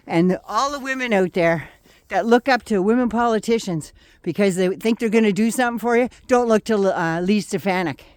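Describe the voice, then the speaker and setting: A woman's voice: mid-range voice, brisk. An older woman vlogger delivering a heated, profane, sarcastic political rant.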